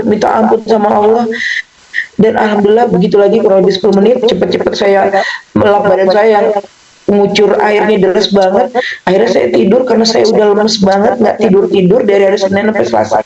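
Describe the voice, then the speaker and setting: Chatty woman telling her story to a crowd. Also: medium pitch. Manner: rambling, animated storytelling with re-enacted exclamations. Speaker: customer giving a testimonial. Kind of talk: personal testimony to an audience. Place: event with a live audience. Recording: muffled recording with crowd noise.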